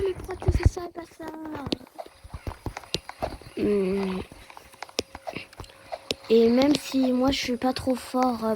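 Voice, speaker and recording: A young woman giving casual gameplay commentary, hesitant with fillers, often exclaiming and repeating words when excited. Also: a little high, noisy background. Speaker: gaming youtuber.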